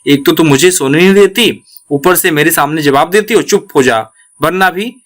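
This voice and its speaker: A man reading the lines of a proud, angry male lion from a children's storybook in a gruff, threatening manner. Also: a little high, normal speed, close to an everyday voice. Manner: gruff threats, later weary surrender.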